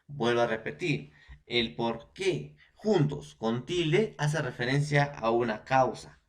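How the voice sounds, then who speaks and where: A male teacher with a Peruvian accent explains a grammar point to his students at an ordinary, middle pitch. He talks in a repetitive, patient way, often pausing to ask whether they are following. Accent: Peruvian Spanish. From Peru. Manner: repetitive, often checks in with "¿no?" and "entonces"; addresses students directly as "jóvenes". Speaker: language teacher. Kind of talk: recorded classroom lesson.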